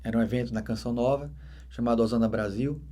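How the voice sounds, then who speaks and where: A man with a Brazilian Portuguese accent, a deacon giving a dramatic conversion testimony that swings between loud emphatic bursts and hushed soft passages. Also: medium pitch, steady tone, quick pace.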